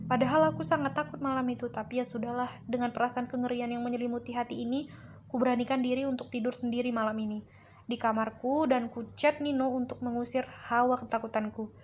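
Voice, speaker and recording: A woman narrating a first-person horror story in a steady, earnest way. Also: fairly high pitch, fast, faint music behind.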